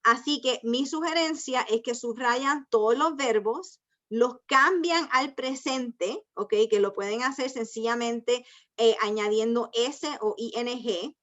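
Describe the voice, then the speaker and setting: A woman's voice: fairly high pitch, slow, fairly bright tone. A woman teaching an online language class, explaining rules patiently step by step. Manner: patient, explains step by step, mixes Spanish and English. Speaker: ESL teacher. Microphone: video call. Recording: dull lo-fi video call audio.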